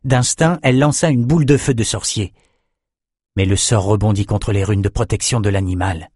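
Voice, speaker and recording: A man reading a fantasy audiobook in a steady, measured storytelling voice. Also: lowish voice, breathy edge, no room sound, studio quality. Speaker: audiobook narrator. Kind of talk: scripted narration.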